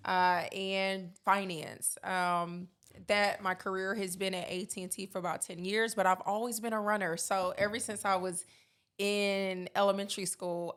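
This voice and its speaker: A woman's voice: medium pitch, a bit bright. A young woman from Atlanta, a guest on a podcast, talking in a friendly, chatty way. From Atlanta, Georgia. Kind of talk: casual podcast chat.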